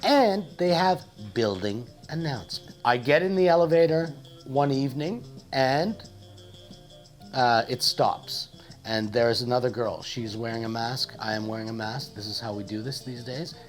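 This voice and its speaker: Young guy spinning a goofy story, playful and over the top, mid pitch, some music behind. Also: normal speed. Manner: animated, playful, mock-dramatic. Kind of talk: comedic storytelling monologue.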